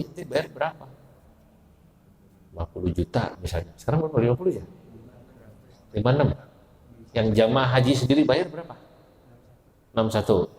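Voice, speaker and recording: A man preaching in a mosque, lively and joking, putting questions to his audience in casual speech. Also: mid-range voice, slight background noise. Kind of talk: sermon. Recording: echoey mosque hall.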